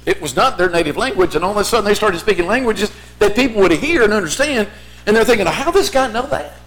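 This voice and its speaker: A man's voice: high-pitched, fast talker, a bit bright. A man preaching a sermon as a teacher would, explaining point by point and posing rhetorical questions. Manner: explanatory, rhetorical questions in imagined listeners' voices.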